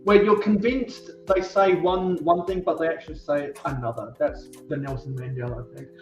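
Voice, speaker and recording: A man's voice: a little high, fairly even intonation, moderate pace, a little mellow. A man co-hosting a casual livestream chat, stammering through restarts. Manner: stammering restarts, breaks into sung theme songs. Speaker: co-host. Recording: distant echoey lo-fi mic with music.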